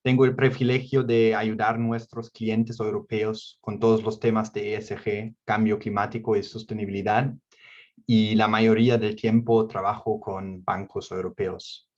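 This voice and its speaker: A man's voice: on the low side, flat delivery, normal speed, a little mellow. A man from Germany speaking non-native Spanish with a German accent and small slips, presenting an online workshop. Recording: dull, band-limited online call audio.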